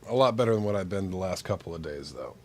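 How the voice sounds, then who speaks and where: This game streamer has a deep, expressive voice and a quick pace. He's down with the flu, and his blocked sinuses make him sound nasal and congested, as though pinching his nose, while he chats loosely and rambles on stream.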